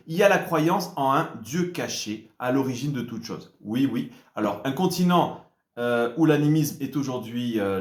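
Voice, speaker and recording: Man, fairly high voice, explaining with emphasis, rhetorical questions, echoey room. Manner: emphatic, rhetorical questions, stretches key words. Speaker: religion video presenter. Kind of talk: explanatory talk to camera.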